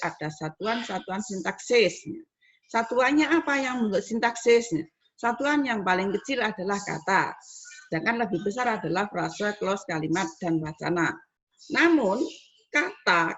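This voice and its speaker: A woman's voice: mid-range voice, fairly bright tone. A woman university lecturer teaching students, explaining step by step and acting out spoken examples. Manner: explains slowly with spoken examples, rising on questions. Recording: dull lo-fi recording with faint noise.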